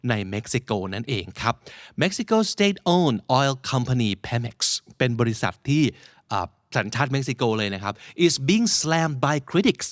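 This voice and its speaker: A man hosting a podcast, explaining English vocabulary from news headlines in a lively, playful way. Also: mid-range voice, takes it slowly, no room sound, clean studio sound. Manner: lively, slips into playful put-on quotes.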